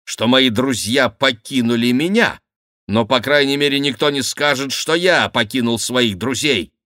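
A man's voice: medium pitch, measured pace, bright, forceful tone, no room sound, studio quality, voice pushed up. A man voicing a worried king who presses his courtiers with urgent questions. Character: worried middle-aged king, anxious and commanding.

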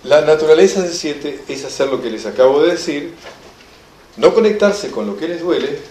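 Animated Rioplatense man lecturing in a roomy hall. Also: fairly high pitch, normal speed, a little hiss or hum. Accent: Rioplatense Spanish. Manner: animated storyteller, acts out quoted voices with laughter. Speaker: enneagram teacher. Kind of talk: lively classroom lecture.

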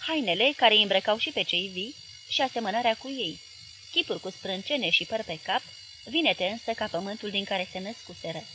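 A woman narrating a literary novel as an audiobook, reading in a measured, expressive way. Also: mid-range voice, slight background noise, poor audio.

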